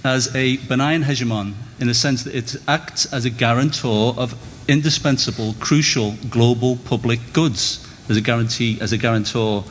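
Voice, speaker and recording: A man delivers a formal debate speech in an even middle register, measured and rhetorical, piling up parallel phrases to press his argument. His voice rings out with a long reverb in a lecture hall, with faint noise underneath. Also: medium pitch. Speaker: debate speaker.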